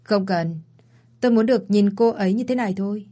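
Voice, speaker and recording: A woman voicing a calm, devoted rich young man in a story reading, brief and commanding. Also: mid-range voice, fairly quick, natural voice.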